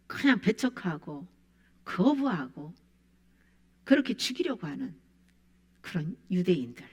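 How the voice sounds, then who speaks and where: A woman preaching a sermon, quoting scripture with emphatic rises and falls. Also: medium pitch. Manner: emphatic, rising and falling preaching voice.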